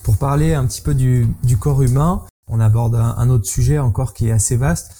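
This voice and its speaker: A man's voice: mid-range voice, fairly even intonation, normal speed, warm tone. A man interviewing a guest, framing a question with hesitant restarts. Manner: hesitant, searching for words.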